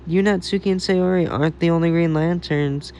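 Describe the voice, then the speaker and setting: A man voicing a calm, composed teenage girl in an amateur fan story, lifting his voice higher for her lines. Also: fairly quick, slight background noise, lightly acted. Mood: confident.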